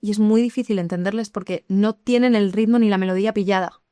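Lively woman explaining. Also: mid-range voice, quick pace, no echo. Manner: lively, explanatory, addresses listeners directly. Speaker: English teacher. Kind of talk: podcast conversation.

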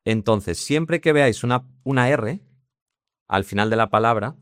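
A man's voice: medium pitch, animated, moderate pace, no room sound, clean studio sound. A man with a Spain Spanish accent teaching English pronunciation in a casual explanatory way, demonstrating words as he goes.

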